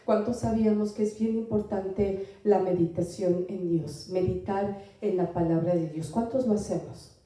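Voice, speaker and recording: A woman preaching a sermon with a strained throat, pausing often and asking the congregation questions. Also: mid-range voice, warm tone. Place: church hall. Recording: echoey hall, voice from far off the mic.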